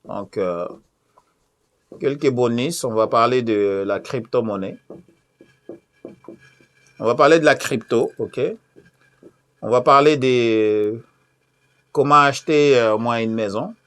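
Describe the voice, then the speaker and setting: A man's voice: medium pitch, slow, long pauses, fairly bright tone, clear, resonant tone. A man from Congo speaking in a casual promotional talk, hesitant, with many fillers, repeating his key questions. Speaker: event promoter.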